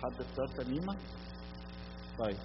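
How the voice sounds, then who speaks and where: A man's voice: medium pitch, animated, fairly quick. A man with an Egyptian Arabic accent giving a sermon, asking the audience questions and then answering them himself. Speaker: preacher. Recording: long hall reverb, dull lo-fi sound with faint hum.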